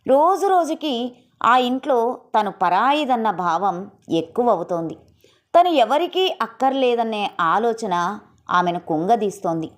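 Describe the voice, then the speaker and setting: A woman narrating an audio story in a steady, emotive reading style. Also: fairly high pitch, a little slow.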